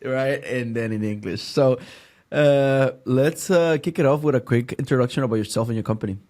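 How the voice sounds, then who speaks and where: A man with a Puerto Rican accent, a native Spanish speaker, hosting a casual podcast interview and talking haltingly with many restarts and fillers. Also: mid-range voice, a little mellow. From Puerto Rico. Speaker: podcast host.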